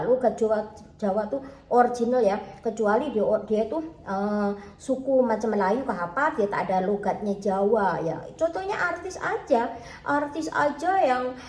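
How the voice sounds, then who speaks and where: In a slightly high, darkish voice with a roomy sound, an Indonesian woman who vlogs about selling food chats from her home kitchen. Her accent is Javanese mixed with Malay. She keeps calling out "teman-teman, ya" to viewers and refers to herself in third person.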